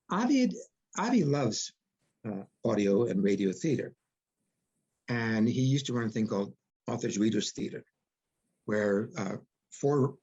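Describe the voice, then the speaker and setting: In a muffled recording, a man with a medium-pitched, darkish, husky voice is interviewed as an author and producer. He explains things reflectively in conversation, using folksy turns of phrase.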